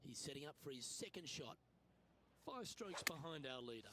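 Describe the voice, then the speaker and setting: Measured male golf play-by-play announcer. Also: fairly high pitch, sing-song, heavy background noise. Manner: measured, announcer-style delivery. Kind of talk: scripted sports commentary.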